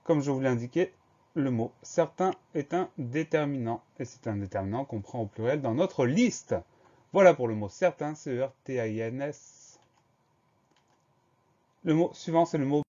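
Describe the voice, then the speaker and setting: Guy teacher spelling words out slow, mellow dark voice, kinda muffled recording. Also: medium pitch. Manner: slow, careful spelling out letter by letter. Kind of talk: dictation lesson.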